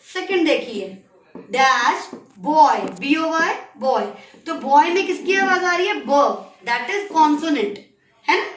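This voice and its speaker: A woman's voice: high voice, expressive, slow pace. A woman school teacher giving a grammar lesson to children, patiently repeating her questions and coaxing answers from them. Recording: echoey room, voice from a distance.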